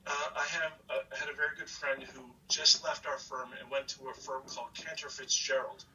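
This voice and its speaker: A man from the New recounting a disaster in an emotional first-person account, halting and repeating words as he goes. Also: mid-range voice, fairly even intonation, bright, forceful tone, far from the mic, lo-fi sound, slight background noise. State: slightly hyperventilating. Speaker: interviewee recalling a disaster.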